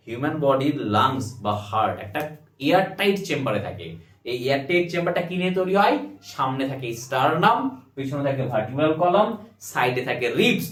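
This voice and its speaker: Animated male teacher quizzing, echoey room. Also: a little high. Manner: animated, repeats questions and answers them himself. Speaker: biology teacher. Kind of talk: classroom lecture at a board. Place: classroom at a board. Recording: roomy echo, mic at a distance.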